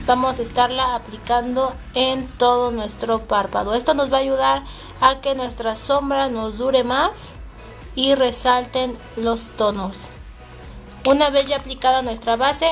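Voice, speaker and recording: A woman with a Mexican accent hosting a makeup tutorial, talking chattily to her viewers step by step. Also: high voice. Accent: Mexican Spanish. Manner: chatty, addresses viewers as girls.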